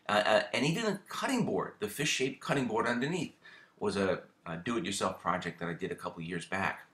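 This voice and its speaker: A middle-aged man hosts a fishing channel, explaining a how-to in a relaxed, casual manner full of ums and repeated words. His voice is lowish, and the room is echoey.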